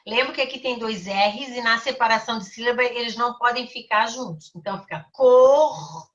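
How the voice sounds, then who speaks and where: Primary school teacher, woman, bright and crisp, slow and careful with the children, mic set back. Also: fairly high pitch, distant mic. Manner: slow, over-articulated for children. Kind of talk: recorded online class.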